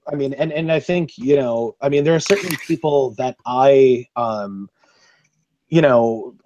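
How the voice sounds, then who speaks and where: A man talks on a podcast panel, pausing often and circling his point. His pitch sits in the middle for a man. The audio sounds dull and lo-fi. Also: a little mellow. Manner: halting, full of "you know" and "um" fillers. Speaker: freelance photographer panelist. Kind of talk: casual panel discussion.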